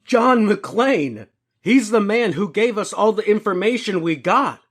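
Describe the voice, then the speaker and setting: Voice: medium pitch, expressive, unhurried. An actor playing a weary, laid-back male desk cop with a dry drawl.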